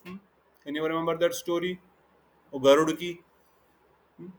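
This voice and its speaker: A man's voice: on the high side, fairly even intonation, extremely slow. A man teaching a devotional scripture class, telling stories, mixing Hindi with English and asking the class questions.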